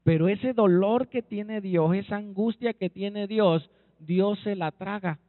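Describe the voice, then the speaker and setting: Male pastor, Mexican accent, emphatic sermon, fairly high voice, dry narrow phone-like recording. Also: a little slow, no echo. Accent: Mexican Spanish. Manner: emphatic preaching, often checks in with the congregation.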